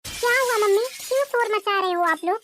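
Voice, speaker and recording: Woman doing a shrill taunting sister-in-law. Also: a little fast, fairly bright tone, slight background noise. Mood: irritated. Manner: taunting, nagging. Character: shrill, scornful young adult sister-in-law. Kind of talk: cartoon family drama voicing.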